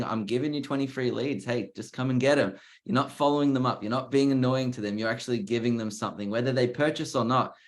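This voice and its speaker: A man with an Australian accent co-hosting a live webinar. He talks energetically, urging listeners on and leaning on "like" and "just". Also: mid-range voice. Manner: energetic, repeats "like" and "just", salesy encouragement. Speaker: co-host.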